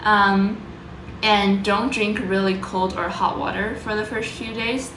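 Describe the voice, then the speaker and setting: A woman vlogger talking informally about her own experience, loosely worded and pausing to search for words. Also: medium pitch, little pitch movement, fairly bright tone, roomy sound, a little hiss or hum, poor audio. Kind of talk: casual vlog talk, sharing personal experience and tips.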